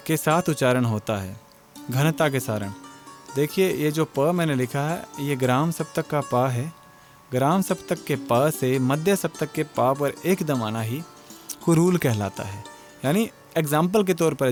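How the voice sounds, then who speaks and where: Hindi man lecturing on music theory. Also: a little high. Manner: explanatory, asks and answers own questions. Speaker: music teacher. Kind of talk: exam-prep lecture.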